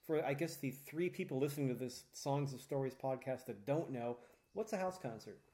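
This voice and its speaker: A man's voice: medium pitch, moderate pace, warm tone. A man hosting a podcast, chatting easily with his guest and chuckling often. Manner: easygoing, chuckling interviewer. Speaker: podcast host. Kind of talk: casual interview chat.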